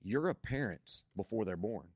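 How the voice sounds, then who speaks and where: Guy preaching on a podcast, kinda low voice, dry close sound, punchy emphatic delivery. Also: lively intonation, normal speed, a little mellow, no echo. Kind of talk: podcast conversation about church.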